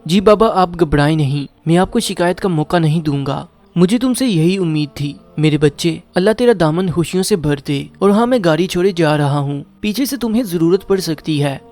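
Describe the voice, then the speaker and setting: A man voicing a gentle, pious older father giving advice and blessings. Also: a little high, lively intonation, moderate pace, few pauses, soft background music. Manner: advising, blessing.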